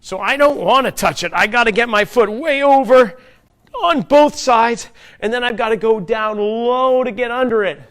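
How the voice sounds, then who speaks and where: A man's voice: very high voice, normal speed, a bit bright. A man leading a children's P.E. class, encouraging the kids and asking them playful questions while he demonstrates each move. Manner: demonstrates while moving, narrating his own steps. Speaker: fitness trainer leading a kids' P.E. class. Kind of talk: guided children's exercise class.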